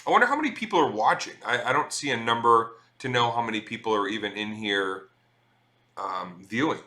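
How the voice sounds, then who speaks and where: A middle-aged man talking loosely to his live-stream audience, reading viewer comments out loud and cursing often. His voice has a bright, forceful edge and sits at an ordinary pitch for a man. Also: animated, brisk. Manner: chatty, swears freely, reads chat aloud. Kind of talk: casual live-stream chat.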